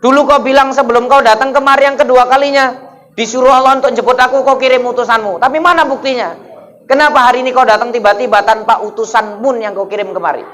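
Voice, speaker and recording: A man's voice: extremely high pitch, steady tone, fast, a bit bright. A preacher voicing an aged, pious male prophet who is startled and pleading. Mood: indignant.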